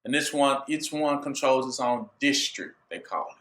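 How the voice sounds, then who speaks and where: A man's voice: medium pitch, moderate pace, a bit bright, reverberant, slight background noise. A man preaching a sermon, drawing his listeners in with rhetorical questions he leaves for them to finish. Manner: call-and-response rhetorical questions.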